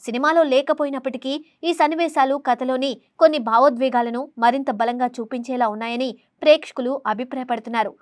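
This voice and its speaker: A woman narrates scripted film news in a high-pitched voice. She reads formally and moves along quickly, recorded dry and close to the mic. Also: fairly even intonation, no echo. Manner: formal reading delivery.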